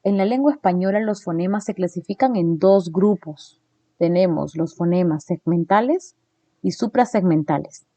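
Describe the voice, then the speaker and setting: A woman teaching a recorded phonetics lesson. She walks through her slides, often checks in with her listeners with a quick "¿no?", and says sample sounds slowly and deliberately. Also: lowish voice, mellow, no echo.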